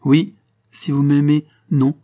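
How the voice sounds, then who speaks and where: A haughty, pitiless young noblewoman in an audiobook reading, as a male narrator puts her on. She speaks high and in command, and her tone is warm and mellow. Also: little pitch movement, slow pace. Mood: imperious. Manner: commanding, demanding. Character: imperious young noblewoman, jealous and ruthless.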